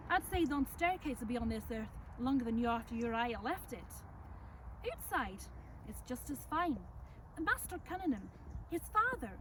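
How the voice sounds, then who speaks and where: A woman's voice: sits high, far from the mic, slight background noise, low-quality recording. A woman playing a chatty, folksy servant of centuries past, telling visitors a tale in an Ulster Scots accent. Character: chatty, welcoming servant woman of a 17th-century Irish estate. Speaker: costumed storyteller. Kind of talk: in-character historical storytelling to visitors. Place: outdoors in front of a house.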